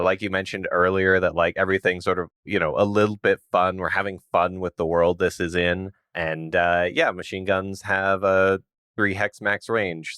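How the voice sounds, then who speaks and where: A man with a low voice chats on a podcast in a relaxed, musing way and laughs easily. The sound is dry and close, with no room around it. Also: clear, resonant tone, dry recording. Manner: laid-back, musing, often laughing. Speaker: podcast co-host. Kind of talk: casual chat.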